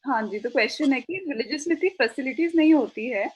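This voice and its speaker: A woman's voice: high-pitched, animated, a little fast, husky, rough recording. A woman moderating an online session, reading out audience questions. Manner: reads questions aloud, apologetic. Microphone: video call.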